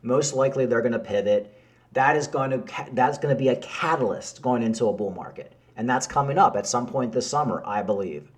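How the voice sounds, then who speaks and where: A man doing casual market commentary to camera, animated and repetitive, calling his viewers folks. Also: medium pitch, fairly quick. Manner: animated, repeats himself, addresses viewers as folks. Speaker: crypto YouTuber.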